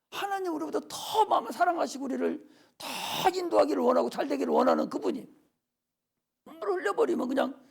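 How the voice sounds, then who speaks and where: An older man, a pastor preaching a Friday worship sermon with fervent urging that drops to soft near-whispers. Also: very high voice, creaky.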